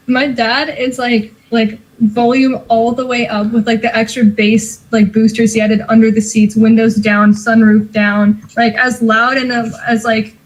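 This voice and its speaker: Brief: female band guest, higher voice, quick interjections, playful. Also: flat delivery, poor audio. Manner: chatty, chimes in often, laughs. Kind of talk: casual interview chat.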